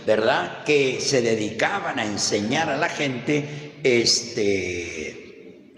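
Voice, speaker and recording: A man's voice: mid-range voice, animated, very slow, a bit bright, slight background noise. A man preaching a sermon as pastor, retelling scripture and checking in with his congregation. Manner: retells scripture with acted quotes, asks the congregation "¿sí?" and "¿verdad?". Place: church hall. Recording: echoey hall with faint ambience.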